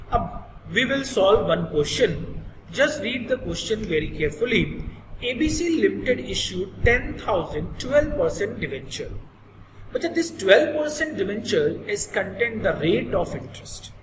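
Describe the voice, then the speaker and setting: A lively, swooping male voice with an Indian accent from a native Hindi speaker gives a classroom explanation. He is instructive and repeats points to check they are understood. The room rings with long reverb, and there is clear noise behind him. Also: sits high, unhurried. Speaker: accountancy teacher.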